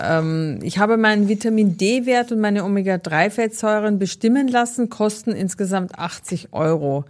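A woman hosting a podcast, talking conversationally and reading out listener questions. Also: on the low side. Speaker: podcast host.

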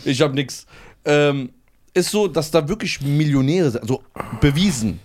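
Man, podcast co-host, casual chat, animated, acts out quotes, high-ish voice, very lively pitch. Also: normal speed.

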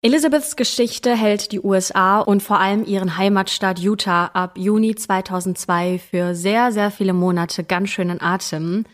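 A woman's voice: medium pitch, moderate pace, hardly any pauses. Woman telling a true crime case on a podcast, mid voice, building suspense. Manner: dramatic storytelling, careful warnings. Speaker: podcast co-host.

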